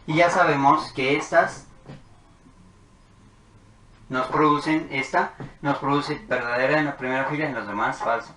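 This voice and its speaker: Speaking at normal speed with fairly even intonation and frequent pauses, a math teacher delivers a logic lesson in a bright, forceful mid-range voice. He methodically writes out truth tables as he talks, recorded in an echoey room with faint noise.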